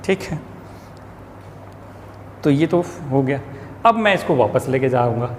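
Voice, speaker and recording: A male physics teacher giving a lecture, explaining step by step and asking and answering his own questions, slowing down to read statements aloud with care. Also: mid-range voice, animated. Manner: switches to slow, careful reading of English statements. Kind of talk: classroom lecture. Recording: long reverb, faint ambient noise.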